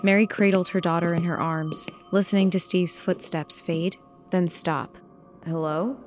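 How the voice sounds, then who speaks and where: A woman podcast host narrating an original spooky story in a measured, suspenseful way. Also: lowish voice, fairly even intonation. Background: soft music.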